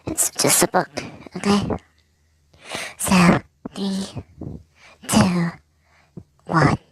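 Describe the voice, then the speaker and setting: A man using a voice changer that shifts his voice higher chats casually to viewers as a storyteller presenting his original characters. He speaks extremely slowly in a rambling, hesitant way, with many fillers and restarts. A little hiss or hum is audible.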